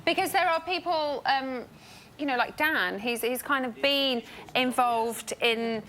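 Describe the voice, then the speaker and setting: A woman's voice: high voice, unhurried, fairly bright tone. A woman hosting a TV panel chat, chatty and teasing, laughing often. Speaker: host.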